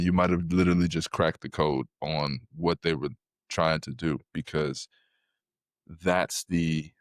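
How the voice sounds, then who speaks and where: A man hosting a podcast interview, asking questions in a halting way with many restarts and eager follow-ups. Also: low voice, vocal fry, no room sound, clean studio sound. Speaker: podcast host.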